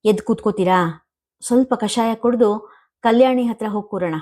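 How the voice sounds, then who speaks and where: A woman voicing a caring young man who gently asks after an elderly father in a storybook reading. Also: on the high side, moderate pace, close to an everyday voice. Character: caring young man, attentive son figure.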